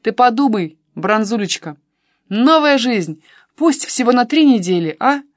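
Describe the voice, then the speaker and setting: A woman's voice: a little high, animated, measured pace, no room sound, studio quality. A woman reading an audiobook and voicing a pushy young man who keeps coaxing and persuading his cousin. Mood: persuasive.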